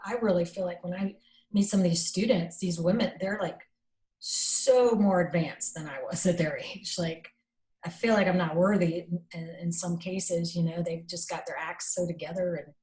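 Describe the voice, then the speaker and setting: Over poor audio, a woman executive with a low voice chats through stories as an interview guest. Animated and filler-heavy, she acts out quoted dialogue and describes herself as having a strong voice and not being shy.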